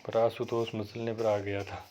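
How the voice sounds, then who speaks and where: Low, flat-voiced male lecturer reading aloud. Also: moderate pace, slight background noise. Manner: steady read-aloud delivery with occasional self-corrections. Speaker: college lecturer. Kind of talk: reading a story aloud and explaining it.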